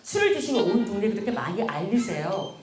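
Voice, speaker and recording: A woman giving an animated, playful motivational lecture to a hall of soldiers. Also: medium pitch, brisk, soft background music. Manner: animated, playful, addresses audience directly.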